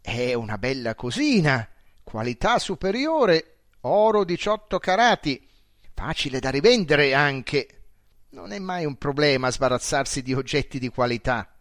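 A man's voice: mid-range voice, big pitch swings, a little slow, fairly bright tone, dry recording, clean studio sound. A man voicing a sly, boastful little male pickpocket with a smug, gloating way of talking, in an audiobook. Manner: smug, gloating, proud of his skill. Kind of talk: audiobook character voice.

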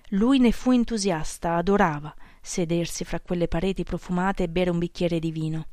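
A woman narrating a novel in a measured, steady reading voice. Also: medium pitch, no echo, studio quality. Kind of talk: audiobook narration.

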